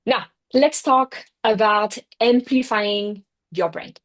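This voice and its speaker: This workshop speaker is a middle-aged woman from France with a French accent and a medium-pitched voice, taking her time as she gives an online talk in Singapore. She keeps it chatty, filling her sentences with "you know, like" and "right?".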